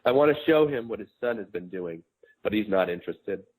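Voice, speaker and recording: A man in his forties with a low voice reads his memoir aloud. He takes it slowly and quietly, in a reflective tone that sits close to plain speech. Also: lively intonation, rough recording. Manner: measured, quiet, reflective reading. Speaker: author.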